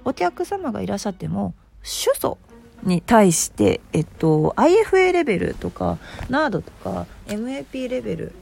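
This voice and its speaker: A middle-aged woman with a gravelly, just-woken hoarse voice, chatting casually and self-deprecatingly as the host of a solo show. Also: medium pitch, big pitch swings, moderate pace, a little mellow, soft background music. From Osaka, Japan. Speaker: host, aromatherapy shop presenter.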